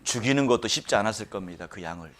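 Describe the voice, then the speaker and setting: A man's voice: fairly low pitch, animated, very fast, fairly bright tone. A male pastor preaching a sermon who keeps questioning the congregation and stresses his points emphatically.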